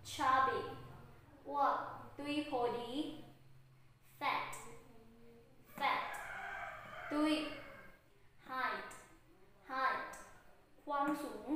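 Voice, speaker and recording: Lao woman teacher, high voice, very slow word-by-word drills, booming echoey room. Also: a little hiss or hum. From Laos. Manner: repeats each word slowly twice, then translates. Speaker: English teacher. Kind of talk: vocabulary lesson.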